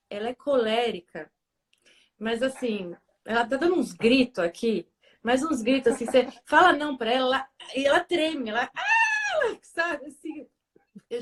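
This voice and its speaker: Chatty woman host with a higher voice. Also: expressive, moderate pace, a bit bright. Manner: chatty, thinks aloud with fillers. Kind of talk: casual chat.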